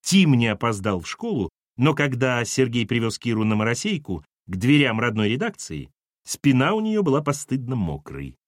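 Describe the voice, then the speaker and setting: A man narrating a novel in an expressive, animated reading. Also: mid-range voice, moderate pace, no room sound, clean studio sound. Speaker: audiobook narrator. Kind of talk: scripted narration.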